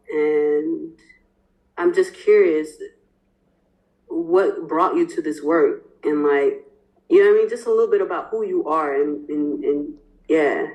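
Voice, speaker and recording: A woman interviewing the host on a podcast, talking in a lively, effusive way with many casual fillers. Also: low voice, rough recording.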